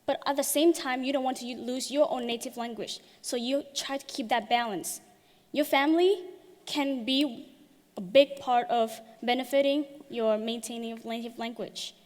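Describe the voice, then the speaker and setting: A teenage girl from Thailand giving an earnest, prepared talk on stage, her phrasing a little halting. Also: on the high side, steady tone, darkish tone, in a large hall. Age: teens. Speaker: youth speaker. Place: large hall.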